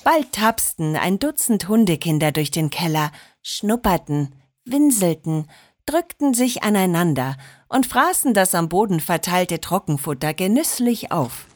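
A woman narrating a children's audiobook in a slow, expressive way. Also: fairly low pitch, dry recording, clean studio sound.

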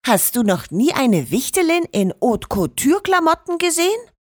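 A woman voicing a cheeky young female gnome who teases and mocks in a high sassy voice. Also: very animated, normal speed, no echo, studio quality. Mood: teasing. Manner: sassy, mocking.

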